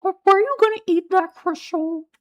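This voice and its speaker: A woman doing an impression of a squeaky, nasal, nerdy cartoon boy. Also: normal speed, muffled recording. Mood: whiny.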